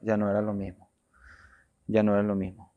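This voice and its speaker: A man, a former footballer telling his story as an interview guest; he talks earnestly, repeats his phrases and often drops to a soft low voice. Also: completely flat delivery, fairly quick, no room sound. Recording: dull dry studio sound.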